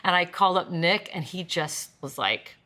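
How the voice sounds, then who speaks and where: A singer-songwriter woman chats at a roundtable with a bright, forward voice. She tells stories with animation, slipping into sung bits and laughing easily. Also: on the low side, moderate pace. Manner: animated storyteller, sings snippets and laughs often. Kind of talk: casual roundtable chat.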